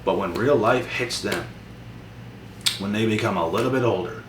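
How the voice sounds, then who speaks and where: Blunt, deep-voiced young man preaching. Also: normal speed. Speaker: motivational vlogger. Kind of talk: motivational monologue to camera. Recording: echoey room from a distance with noise.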